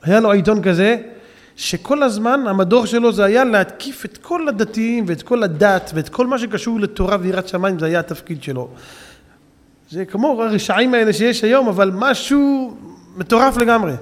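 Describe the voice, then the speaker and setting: High-voiced man preaching in an echoing hall. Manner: emphatic storytelling, swings to shouting peaks; addresses audience as "gentlemen". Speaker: rabbi preacher. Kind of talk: Hebrew Torah sermon.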